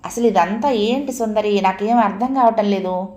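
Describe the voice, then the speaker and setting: A woman voicing a bewildered young man who gently coaxes his crying lover with soothing questions. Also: medium pitch, normal speed, close to an everyday voice. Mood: coaxing. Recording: echoey room, faint hiss.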